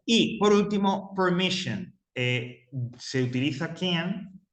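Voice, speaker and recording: Man teaching English, patient explainer, bright clear voice, slightly high, roomy echo. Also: expressive, takes it slowly. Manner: patient, repeats key points, reads example sentences aloud. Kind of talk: explaining grammar to a class.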